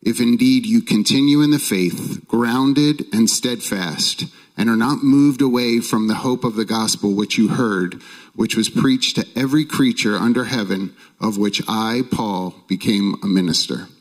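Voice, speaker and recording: A man reading scripture aloud at a pulpit microphone in a measured, deliberate way. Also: on the low side, rough recording. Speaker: scripture reader.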